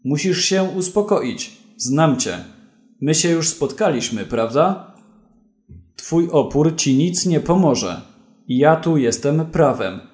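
A man voicing a corrupt policeman who talks quietly and steadily, giving commands. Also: a little high, animated, slow pace, roomy sound. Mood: calm, commanding. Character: calm, menacing corrupt male policeman.

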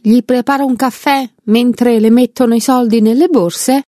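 A woman voicing a polite, calm male bank cashier in a read-aloud story. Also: fairly high pitch, normal speed, no echo, clean studio sound, voice pushed up, lightly acted. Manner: polite and stalling.

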